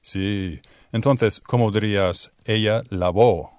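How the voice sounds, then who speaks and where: A man teaching English pronunciation in a bilingual lesson, drawing out sounds slowly to demonstrate them. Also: lowish voice, a little mellow, no room sound, studio quality. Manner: slow, exaggerated demonstration of sounds. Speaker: Spanish-speaking English teacher.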